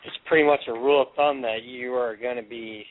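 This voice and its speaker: A man's voice: medium pitch, fairly even intonation, brisk. Man talking over a tinny phone line. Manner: earnest, rambling with restarts. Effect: voice heard over the phone. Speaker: radio show guest. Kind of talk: casual radio talk.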